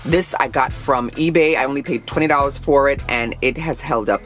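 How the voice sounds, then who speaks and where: A woman in her thirties talks in a loose, chatty way, gushing with enthusiasm. She is a fashion vlogger speaking casually to her viewers, with soft music playing faintly behind her. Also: rumbling low, brisk. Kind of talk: casual chat.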